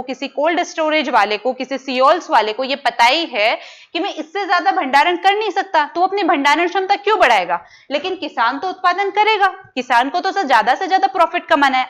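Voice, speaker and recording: High-voiced woman teaching an exam class. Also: a bit bright. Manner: asks the class questions and answers them herself, repeats key terms. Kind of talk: exam-prep lecture.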